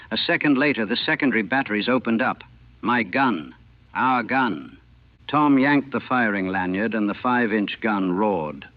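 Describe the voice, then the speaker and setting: A man in his sixties, a navy veteran, recalling a battle in a plain, matter-of-fact way on an old 1940 recording. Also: lowish voice. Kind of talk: first-person war reminiscence. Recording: thin, dry, phone-like old recording.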